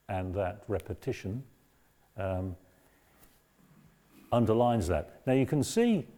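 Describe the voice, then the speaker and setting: A man giving a lecture on a Bible book, reading passages aloud and explaining them in a measured way. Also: mid-range voice, mellow. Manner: measured, explanatory, raises voice when quoting. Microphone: battery-powered mic.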